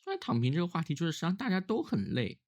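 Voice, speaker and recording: A man's voice: on the high side, wildly swooping pitch, racing, darkish tone. A man who is ill with a cough, talking casually and reflectively on his own in a weary, musing way, as a solo vlogger.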